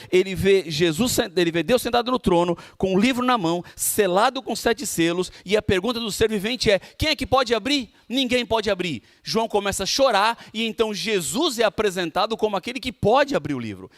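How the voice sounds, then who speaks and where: High-voiced Brazilian preacher, dry sound. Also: male voice, no room sound. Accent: Brazilian Portuguese. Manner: emphatic preaching with pauses and drawn-out words. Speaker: pastor. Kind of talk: sermon.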